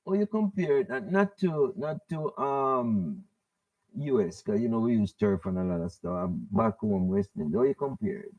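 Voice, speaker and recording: A man's voice: mid-range voice, expressive, dry recording, distant mic, phone-quality sound. A man hosting a casual radio sports show, asking questions with frequent fillers and restarts. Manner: halting, many fillers, friendly questions.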